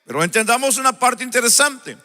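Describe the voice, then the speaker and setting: A male preacher gives a live sermon after an opening prayer in a church sanctuary. He tells stories slowly and often checks in with the congregation. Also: extremely high pitch, animated, pushed and bright. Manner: unhurried storytelling, often asks the congregation "¿verdad?". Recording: long church-hall reverb.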